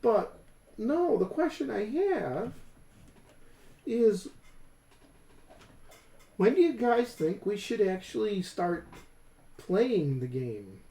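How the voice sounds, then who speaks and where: This medium-pitched voice is gravelly and dark, yet very animated. It belongs to a Western New York hobbyist who co-hosts a miniature painting channel, rambling casually and unhurriedly at an indoor painting table while often talking to himself, in an echoey room.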